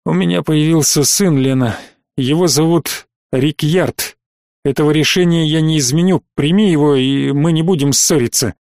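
Stern, weary colonel on a warship, clipped commands, read by a man, slightly high voice, dry. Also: moderate pace, darkish tone, dry recording, lightly acted. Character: stern weary middle-aged male space colonel.

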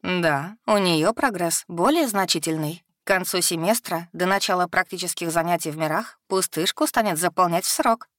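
A woman voicing a calm, experienced female magic teacher who speaks in a measured, matter-of-fact way. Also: on the low side, dry recording, studio quality, close to an everyday voice.

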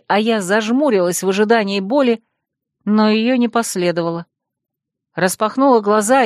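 A woman reads a fantasy novel aloud in the first person, telling it expressively at a mid pitch. The recording is dry and close, with no room sound. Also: dry recording. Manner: expressive storytelling. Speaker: audiobook narrator. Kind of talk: first-person audiobook narration.

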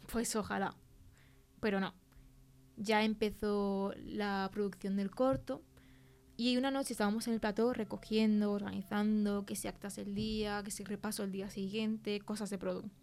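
An actress plays a shaken young woman from a film crew, recounting an eerie story in colloquial Castilian Spanish during a conversational interview in an audio fiction podcast. She sounds uneasy and candid yet chatty and teasing. Her medium-pitched, slightly mellow voice keeps a level tone at a moderate pace and feels close to everyday speech.

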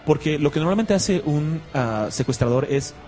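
A man's voice: a little high, animated, normal speed, warm tone. Chatty male radio host with music behind. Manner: chatty, jokey, laughs often. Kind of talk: casual radio chat about comics. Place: online radio studio.

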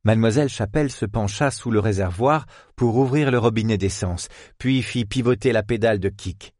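A man narrates a novel in a measured, literary way. His voice sits on the low side. The recording is dry, with no room sound. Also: darkish tone, dry recording. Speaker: audiobook narrator.

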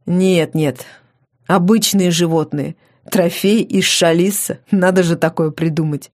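Give me a woman playing an aloof grown man in a storybook, dry and clipped, with a dark, mellow tone. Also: on the low side, steady tone, a little slow. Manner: dry, methodical, clipped replies. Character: terse, aloof grown man of noble house.

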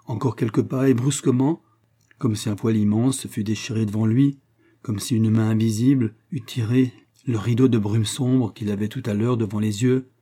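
A man narrating an adventure novel as an audiobook, with a measured, dramatic reading. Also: lowish voice, fairly even intonation, warm tone.

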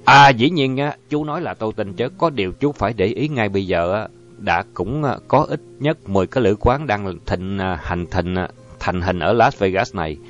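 A man's voice: lowish voice, normal speed, close to an everyday voice. A man reading an audiobook voices a frank singer raising doubts about a business deal. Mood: doubtful. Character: eager singer man, doubtful then keen. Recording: dull lo-fi audio, faint music.

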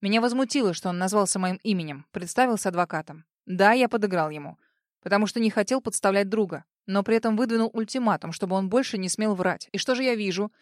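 A weary middle-aged male lawyer speaks low and earnestly, full of regret, as a woman narrator puts him on. His pleading tone sits in a mid register. It is recorded dry and close, with no room sound. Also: fast talker, no echo, lightly acted. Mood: indignant. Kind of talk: audiobook character voice.

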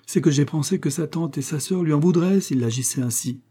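A man's voice: on the high side, brisk, mellow, breathy edge, voice pushed up. A man reading an audiobook voices an earnest, lovesick young woman in a raised, pleading tone. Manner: emotional, pleading.

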